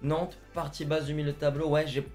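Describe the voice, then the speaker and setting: A man's voice: on the high side, flat delivery, a little fast, a little mellow. Chatty young man, faint music behind. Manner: chatty, addresses viewers as "les gars". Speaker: football channel co-host. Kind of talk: casual football chat.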